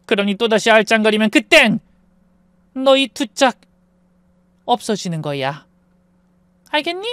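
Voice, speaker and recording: Man voicing a creepy calm mother, slow soft threats, lilting high voice, dry sound. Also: clear, resonant tone, no echo. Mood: coldly menacing. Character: calm menacing middle-aged mother wielding a knife.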